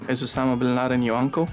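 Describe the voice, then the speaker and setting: In documentary interview and street-chat footage with faint background music, a young Afghan university student speaks earnestly and casually. His voice is medium-pitched and fairly quick, with a flat delivery.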